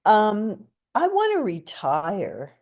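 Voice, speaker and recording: A woman's voice: mid-range voice, wildly swooping pitch, extremely slow, darkish tone. An older woman giving an interview in an informal, chatty way. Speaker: interview guest. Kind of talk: casual chat.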